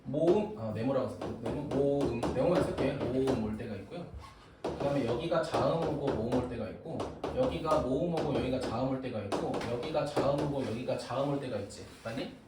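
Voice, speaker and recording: Recorded from afar in a reverberant, noisy room, this classroom lecture features a man with a mid-range, brisk voice. He teaches math and teases and jokes with his students while explaining.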